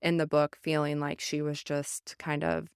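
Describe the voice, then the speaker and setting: A woman's voice: low voice, monotone, moderate pace, clean tone, no room sound, clean studio sound. A young woman with a Southern American accent talking earnestly and reflectively about a book, with many fillers. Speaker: book club podcast host. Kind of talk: casual book discussion.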